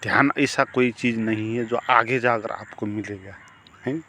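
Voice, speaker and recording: A man's voice: on the low side, normal speed, sharp tone, slight background noise. A man giving a spiritual talk on meditation as a teacher, reflective and asking rhetorical questions. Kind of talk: spiritual discourse.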